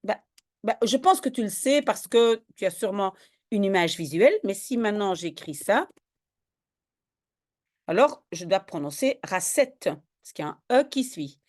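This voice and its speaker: A woman's voice: mid-range voice, expressive, moderate pace, a little mellow. A woman tutoring a student in French spelling, patiently explaining each word step by step. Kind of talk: one-on-one spelling lesson.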